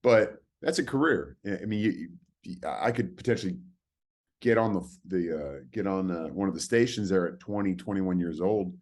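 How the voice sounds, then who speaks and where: A deep-voiced man in his forties, originally from California, talking as a podcast guest. He rambles through his stories in a relaxed way and often stops to restart a sentence. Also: normal speed. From California, USA. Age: 40s. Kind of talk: casual storytelling.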